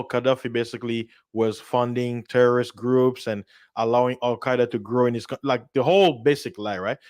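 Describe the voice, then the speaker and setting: A man in casual political discussion, telling a story in an animated way and acting out the voices of the people he quotes. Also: mid-range voice, dry recording, clean studio sound.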